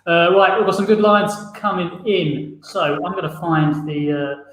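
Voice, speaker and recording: A man's voice: sits high, a little slow, a bit bright. Upbeat man hosting, echoey room. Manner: upbeat, laughs between words. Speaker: improv show host. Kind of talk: livestream hosting. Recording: echoey room with faint noise.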